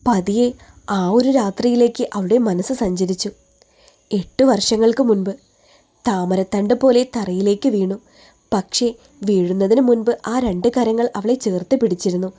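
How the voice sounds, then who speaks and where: A woman narrating a romantic audio novel in an even, measured storytelling way. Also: mid-range voice.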